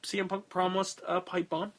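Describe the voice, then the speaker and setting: A man's voice: high voice, little pitch movement, normal speed. A man co-hosting a podcast in casual chat, easygoing and moving the talk from item to item. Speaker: podcast co-host.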